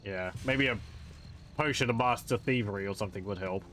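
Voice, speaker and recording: A man's voice: on the low side, a little fast, fairly bright tone, soft background music. A man casually commenting on a game he is playing, offhand and musing. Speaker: let's-play commentator.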